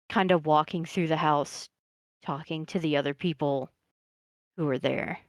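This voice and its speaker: Woman player, low voice, wry narration, dry close sound. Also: no room sound. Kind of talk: narrating her character at a tabletop game.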